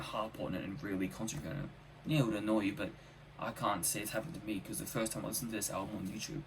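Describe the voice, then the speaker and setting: Casual male music reviewer, keen and emphatic, on the lower side, with light noise behind the voice. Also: poor audio. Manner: enthusiastic, emphatic with repeated phrases. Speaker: album reviewer.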